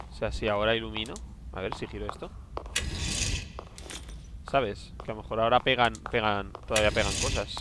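A man's voice: on the low side, bright, forceful tone, slight background noise. A man with an accent from Spain doing casual, slangy gameplay commentary, often hesitant and muttering to himself. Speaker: gamer.

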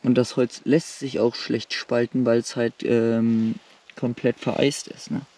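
A man's voice: mid-range voice, level tone, measured pace, dark tone. A young man vlogging outdoors at night in the woods, exhausted and soaked, talking in a plain, tired way full of fillers into an action camera held close. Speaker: survival vlogger. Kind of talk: casual outdoor vlog commentary.

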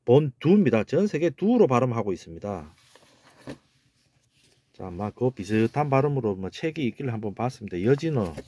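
A man's voice: medium pitch, very animated, normal speed, mellow, a little hiss or hum. A man giving a casual video lecture on word origins, talking emphatically, repeating words and asking rhetorical questions. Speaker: amateur language lecturer.

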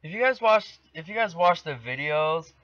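A man's voice: a little high, lively intonation, moderate pace, fairly bright tone, no room sound. A teenage boy commentating a video game from his bedroom, playfully trash-talking the opponents. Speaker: gaming channel host. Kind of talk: let's play commentary. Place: bedroom at home. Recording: dull lo-fi dry home recording.

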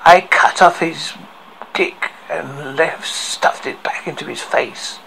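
Horror story killer, male, acted by a man: deranged, tormented, very gravelly, slightly high voice, theatrical delivery, slightly noisy amateur recording. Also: fairly even intonation, sharp tone, exaggerated voice. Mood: menacing. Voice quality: heavily creaky, gravelly. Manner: slow, halting, theatrical delivery. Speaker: horror host. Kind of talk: dramatic horror story recital.

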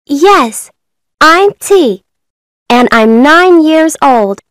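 A woman voicing a young schoolgirl on an English course listening recording, introducing herself in slow, careful phrases. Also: high voice, animated, a bit bright, no echo, studio quality, heavily acted. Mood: bright. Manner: slow, carefully spoken replies.

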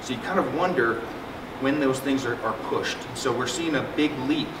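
At normal speed and medium pitch, a middle-aged male psychiatrist addresses a symposium in a relaxed, joking style, stumbling through frequent fillers and restarts. The conference room, with its projector screen, sounds echoey through a distant mic, and an air-conditioning hum runs underneath.

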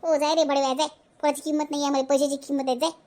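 A woman voices a cartoon character here: a fierce, middle-aged village widow, high-pitched and sharp-tongued, who has run out of patience with her lazy adult son. She tears into him in a broad Vidarbha Marathi accent, furious and rapid-fire yet flat in delivery, sounding close to an everyday voice.

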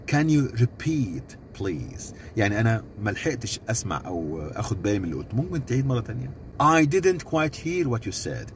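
A man with an Egyptian Arabic accent giving a casual English lesson, saying the English phrases very slowly and then adding quick joking asides. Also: lowish voice, darkish tone, slight background noise. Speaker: English teacher.

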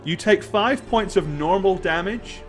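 A man's voice: high-pitched, unhurried, a bit bright, faint music behind. A middle-aged man narrating a tabletop game off the cuff as dungeon master. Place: indoor room at home, on a group video call.

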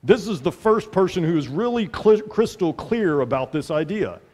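With lively intonation and a slightly mellow quality, a middle-aged pastor whose voice sits a little high for a man preaches earnestly at a moderate pace. Repeated phrases drive his points home as he stands at the pulpit of a large sanctuary. The headset mic catches a long reverb from the church hall.

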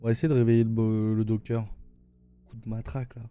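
A man's voice: fairly low pitch, flat delivery, quick pace, dark tone, clean tone, soft background music. A man with a French accent giving casual live-stream commentary while playing a game, rambling and hesitant with lots of fillers. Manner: rambling, hesitant, lots of "euh" and repeated "attendez".

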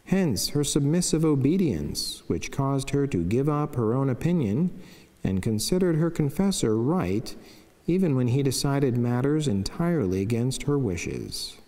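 A middle-aged man, a Franciscan friar and priest, reads a scripted devotional account of a saint's life in a soft, mellow, mid-range voice, solemn and measured yet very animated. He speaks into a lectern microphone indoors in a wood-panelled chapel, whose long reverb surrounds his words.

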